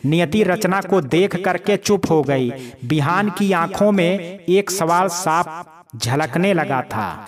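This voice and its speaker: A man narrating a family story in Hindi, naming each speaker before the line. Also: sits high.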